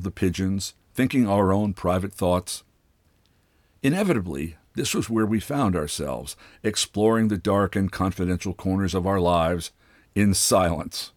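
A man hosting a radio program, reading a literary short story aloud in a measured, unhurried way. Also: low-pitched, darkish tone, no echo, clean studio sound. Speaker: host reading short stories. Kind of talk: literary read-aloud narration.

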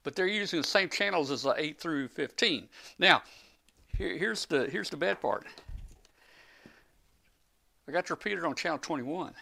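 A man's voice: on the high side, lively intonation, moderate pace, vocal fry, long pauses, sharp tone. A man chatting live on a ham radio show, rambling through technical explanations with many restarts. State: out of breath. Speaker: guest ham radio operator. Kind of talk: casual live show chat.

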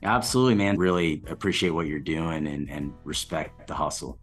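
A man's voice: rumbling low, fairly quick, faint music behind. A man chatting casually as an interview guest, easygoing and a little self-deprecating. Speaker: podcast guest.

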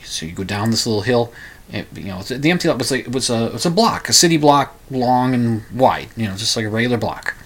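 A man hosting a radio show with a casual, meandering monologue, often halting and correcting himself. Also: mid-range voice, expressive. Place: upstairs bedroom at home.

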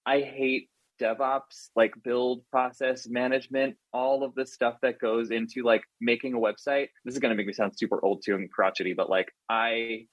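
A man's voice: medium pitch, fairly even intonation, normal speed, no echo, muffled recording. A man guesting on a podcast as a front-end engineer, chatting casually and poking fun at himself with lots of "like". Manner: chatty, self-deprecating, lots of "like".

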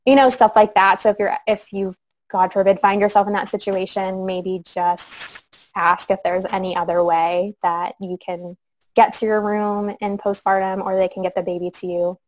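A young woman guest on a podcast interview, speaking softly and reflectively with frequent pauses and fillers. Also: medium pitch, level tone, poor audio. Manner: soft, reflective, many fillers. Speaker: guest sharing her story. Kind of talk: conversational interview.

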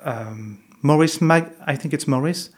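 Slightly rough and a bit slow, his voice is a little on the high side. A monk from France, he speaks with a French accent, telling reflective stories in an interview while hesitating, using many fillers, and often starting over.

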